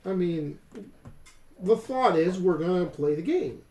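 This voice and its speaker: An American co-host of a tabletop miniature painting channel, from Western New York, chats in a slow, unhurried ramble while painting miniatures at an indoor table, often talking to himself as he works. His medium-pitched voice is mellow with lively intonation, and the room sounds echoey.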